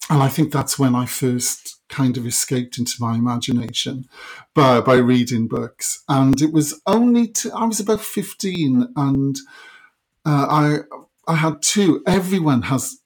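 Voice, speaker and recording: A middle-aged man with a Welsh Valleys accent, talking reflectively and a little haltingly as an interview guest. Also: medium pitch. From South Wales Valleys.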